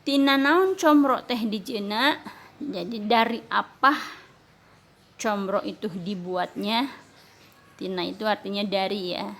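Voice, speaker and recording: A woman teacher speaks at a middle pitch. She explains each word patiently, then says it again in translation, as in a recorded lesson for young pupils. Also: a bit bright. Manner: explains slowly, switching between Sundanese and Indonesian. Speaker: primary school teacher.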